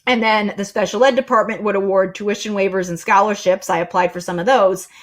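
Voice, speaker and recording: A woman's voice: medium pitch, steady tone, brisk. A middle-aged woman hosting a live stream, talking casually and thinking aloud with fillers and restarts. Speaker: host.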